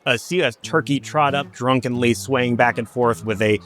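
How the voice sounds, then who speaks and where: A man's voice: mid-range voice, normal speed, fairly bright tone, slight background noise. A man running a tabletop game as game master, describing scenes and calling for rolls in a wry way.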